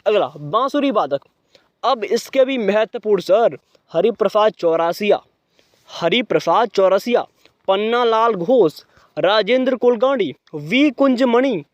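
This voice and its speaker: Young male exam tutor, high voice, chatty and repetitive, dry muffled recording. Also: expressive, no echo. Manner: quizzes himself and answers in a lower voice; repeats mnemonics, brisk and chatty. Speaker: exam-prep teacher. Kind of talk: energetic exam-prep lesson.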